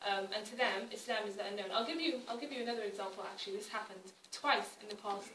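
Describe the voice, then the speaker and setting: A woman's voice: medium pitch, fast, a bit bright, slight background noise. A young British woman from Wales giving a public talk, conversational and wry, with frequent restarts. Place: arts centre hall. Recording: echoey hall from far off.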